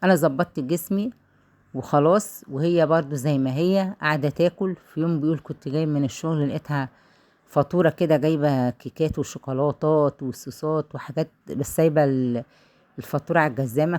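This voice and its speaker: Low-voiced, fast-talking Egyptian woman storyteller. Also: mellow. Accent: Egyptian Arabic. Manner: chatty, retells someone's story then gives advice. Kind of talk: casual spoken storytelling.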